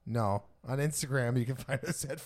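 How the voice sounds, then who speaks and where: A man's voice: mid-range voice, normal speed, slight background noise. A man co-hosting a podcast in casual chat, teasing and mock-exasperated. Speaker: podcast co-host.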